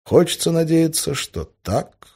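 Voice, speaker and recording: A man narrating a first-person audiobook in a dry, wry, even manner. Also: a little high, unhurried, gravelly, faint music behind.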